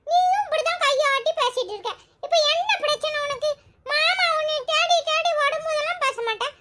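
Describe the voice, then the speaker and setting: A woman voicing a chatty, teasing little village boy in a cartoon, with a squeaky, giggly voice. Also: fairly quick, bright, forceful tone. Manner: teasing, rambling, singsong. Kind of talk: cartoon storytelling.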